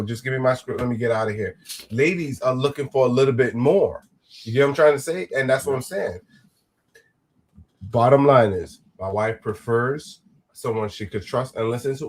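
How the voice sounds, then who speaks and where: Man explaining things in a rambling way. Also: medium pitch. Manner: explains at length, with repeated restarts and "you know what I'm saying". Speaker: co-host of a panel show. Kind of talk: casual chat.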